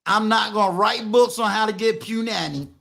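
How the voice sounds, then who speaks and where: A man's voice: high-pitched, normal speed, creaky, pushed and bright. A man in his fifties hosting a live stream, talking to his viewers in a preachy, emphatic, repetitive way. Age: 50s. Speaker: channel host. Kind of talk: live-stream motivational talk.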